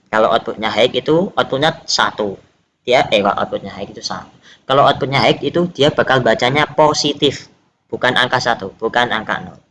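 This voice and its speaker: Young man, student, informal hesitant explainer, mid pitch, light noise. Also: fairly bright tone. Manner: informal, hesitant, many fillers and self-corrections. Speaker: student explaining a lab project. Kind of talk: casual technical explanation.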